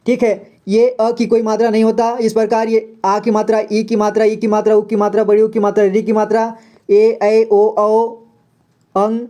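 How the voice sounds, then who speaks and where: Patient man teaching reading, mellow voice. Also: high voice. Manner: patient, repeats words, keeps asking the viewer questions. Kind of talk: step-by-step reading lesson.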